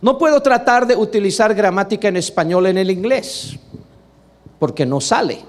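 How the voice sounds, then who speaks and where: A Latin American man preaches a sermon to a congregation, emphatic and animated at a moderate pace. He asks for agreement and swings between low asides and loud exclamations.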